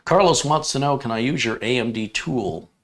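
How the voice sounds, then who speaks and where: A man's voice: medium pitch, animated, normal speed. A man co-hosting a live stream, chatting casually, reading out viewer comments and teasing with dry jokes. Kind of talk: casual banter and reading viewer chat aloud.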